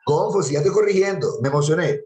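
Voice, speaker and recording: A man's voice: a little high, quick pace, dark tone, roomy sound, slight background noise, low-quality recording. A man teaching an anatomy class, patiently repeating terms and quizzing his students. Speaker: anatomy lecturer. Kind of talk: classroom lecture.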